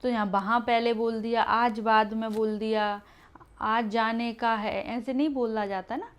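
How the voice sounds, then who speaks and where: Female teacher, slightly high voice, explains patiently, repeats key answers. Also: steady tone, moderate pace, smooth. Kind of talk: exam-prep Hindi grammar lesson.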